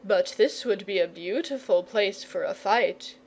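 A woman's voice: mid-range voice, a little slow, darkish tone, slight background noise, voice pushed down, close to an everyday voice, poor audio. An earnest storybook knight, voiced by a woman narrator, courteous and sure of himself. The delivery is patient and persuasive, with a thoughtful air. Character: confident, patient, persuasive knight Saint George. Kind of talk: storybook character reading.

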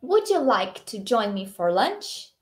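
A woman reads a friendly local man's lines in a practice dialogue, keeping her own voice and speaking slowly and clearly. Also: a little high, big pitch swings. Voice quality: teacher's own voice, changes intonation only. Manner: slow, carefully articulated model reading. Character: friendly male local inviting a tourist to lunch.

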